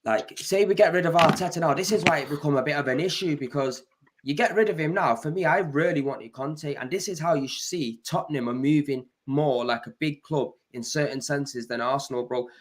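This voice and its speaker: A man's voice: fairly high pitch, brisk, slight background noise. A man, a football fan complaining in casual chat, often tagging lines with "bro" and "you get me".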